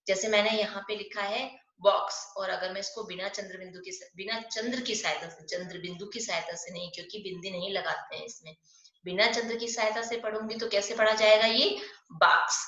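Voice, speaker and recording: A woman teaching a primary school Hindi class online. She is patient, asks questions and answers them herself, and spells words out slowly. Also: mid-range voice, fairly bright tone, reverberant, highs cut off.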